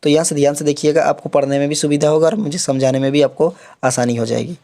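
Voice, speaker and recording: A young man runs through an exam syllabus in a relaxed tutoring tone. His voice sits a little high, and he keeps checking in with his listeners as he explains each point, sliding English terms into his sentences. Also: fast, gravelly. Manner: repeats "theek hai" often, mixes English terms into Hindi. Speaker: online exam-prep tutor. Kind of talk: casual explanatory lecture.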